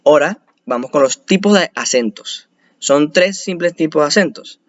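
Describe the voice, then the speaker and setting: A man's voice: fairly high pitch, animated, normal speed, dry recording, highs cut off. A man presenting a spoken lesson on spelling rules, explaining step by step with frequent restarts and hesitations.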